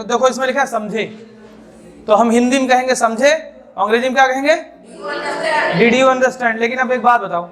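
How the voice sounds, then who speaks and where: A man with a very high voice teaches a spoken-English class. He explains in Hindi and keeps asking the students the same question to drill them. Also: fairly bright tone.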